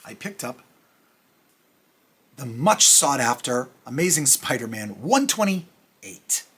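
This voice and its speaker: A man's voice: mid-range voice, sing-song, slow, a bit bright, slightly rough. A middle-aged man hosting a casual comic review vlog, chatty and rambling with self-deprecating asides. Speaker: comic review channel host.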